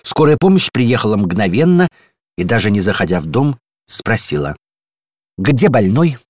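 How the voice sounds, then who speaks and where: Low-voiced man reading a storybook tale. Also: sing-song, normal speed, dry recording, clean studio sound. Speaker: narrator. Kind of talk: storybook narration.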